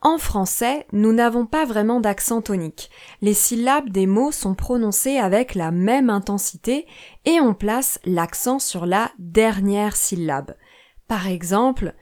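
A young French woman hosting a podcast for language learners, speaking in slow, clear, scripted narration. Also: mid-range voice, a little mellow. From France. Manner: slow, clear, careful delivery. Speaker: podcast host, French teacher.

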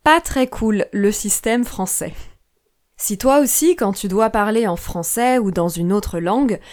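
A young French woman hosting a podcast for language learners, speaking in slow, clear, scripted narration. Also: on the high side, darkish tone. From France. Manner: slow, clear, careful delivery. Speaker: podcast host, French teacher.

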